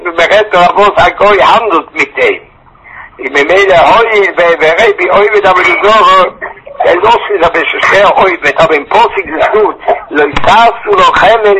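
A man leads a traditional text study, his voice high and sharply bright. He reasons aloud in stops and restarts, then rattles off Hebrew passages in a quick singsong chant. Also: poor audio. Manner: thinks aloud with halting restarts. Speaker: Torah study teacher.

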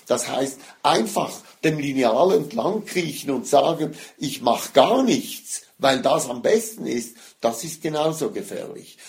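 Man, gravelly mid-pitch voice, lecturing on Torah, leans on key Hebrew words. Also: darkish tone. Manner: explanatory, stresses Hebrew words, mixes Hebrew and Yiddish terms. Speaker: rabbi teaching Torah.

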